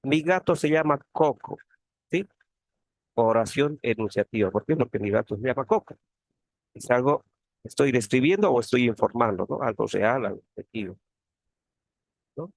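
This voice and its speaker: A man's voice: medium pitch, animated, normal speed, gravelly, long pauses, no room sound. A man, a teaching assistant, giving an online grammar lesson, explaining patiently and often tagging phrases with questions. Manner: explanatory, frequent tag questions.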